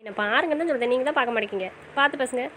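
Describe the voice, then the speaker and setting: Pleading, quick, high-voiced woman. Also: a bit bright, slight background noise, low-quality recording. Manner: pleading, questioning. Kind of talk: casual audio drama acting.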